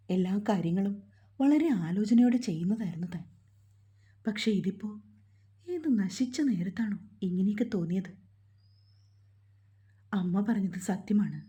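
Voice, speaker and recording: A woman narrating a romance novel as a storyteller in a calm, even delivery. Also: mid-range voice.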